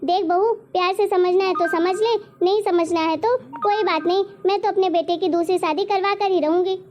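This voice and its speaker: Shrill bossy cartoon mother-in-law, scolding all the time, super high voice. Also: steady tone, moderate pace, over music. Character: harsh scolding middle-aged mother-in-law. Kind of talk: cartoon story voice acting.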